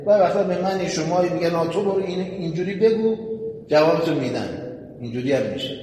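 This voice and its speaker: A man preaching a sermon, retelling a story with animation and calling on his listeners to pay attention. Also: fairly high pitch. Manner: addresses the audience directly, animated retelling. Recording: echoey hall with long reverb, faint noise.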